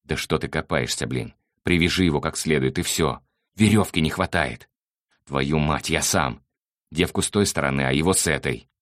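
A man's voice: a bass voice, moderate pace, a bit bright, no room sound, clean studio sound. A man reading an audiobook, voicing a coarse, bossy male thug who swears and barks orders. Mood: barking orders.

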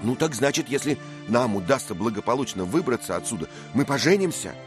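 A man's voice: low voice, animated, moderate pace, music in the background, voice pushed up. A man voicing a bold, impulsive young squire who speaks in fervent exclamations, in a read-aloud story. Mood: eager.

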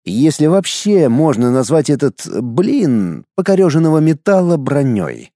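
A male audiobook narrator telling the story in a measured, expressive way, with a lively, rising and falling melody. His voice is mid-pitched with a dark, mellow tone, and the recording is dry and close. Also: no room sound.

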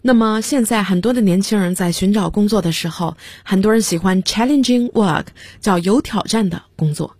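A woman with a slightly husky voice gives a radio English vocabulary lesson. She spells each word slowly, letter by letter, and explains it with examples. The sound is dry and close, with no room around it. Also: medium pitch, darkish tone, no room sound. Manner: spells words out letter by letter, slow and careful. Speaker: English teacher.

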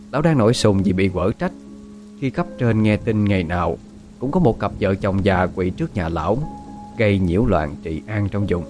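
A man's voice: fairly low pitch, darkish tone. A man narrating a dramatic ghost story.

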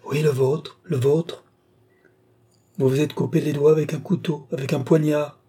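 A man playing a young woman in a trance, seeing far-off things and reporting them in short, halting phrases. The reading voice is mellow and a bit husky. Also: a little high, fairly even intonation. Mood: entranced. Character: entranced young woman seer, wide-eyed and fearful. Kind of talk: audiobook reading.

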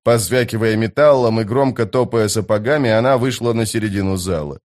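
A man's voice: lowish voice, a little fast, darkish tone. Man reading an audiobook. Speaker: audiobook narrator. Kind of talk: scripted audiobook narration.

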